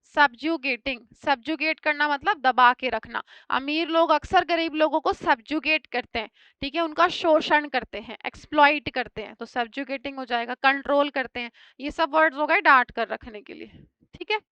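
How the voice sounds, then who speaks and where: Female exam-prep teacher with a bright voice, quizzes students as she lists words, close dry sound. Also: high-pitched, dry recording, muffled recording. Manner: explains each word with everyday examples and quick checks; rapid lists of synonyms. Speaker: English vocabulary teacher.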